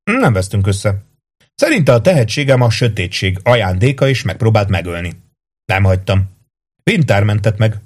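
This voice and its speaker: A man's voice: on the low side, big pitch swings. A man voicing a composed albino male warrior who speaks coolly and matter-of-factly.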